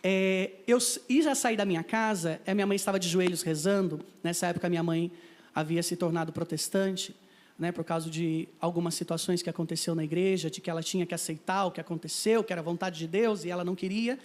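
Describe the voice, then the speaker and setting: A missionary with a Brazilian Portuguese accent tells his personal testimony, vividly acting out the dialogue as he goes. His voice sits high with a steady tone, and he speaks fairly quickly.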